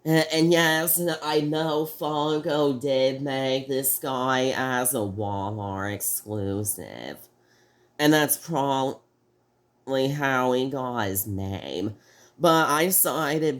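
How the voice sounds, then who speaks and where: A man with a medium-pitched voice hosts a casual toy review video. He sounds a little off because he's sick, and he talks in a halting, rambling way, restarting often.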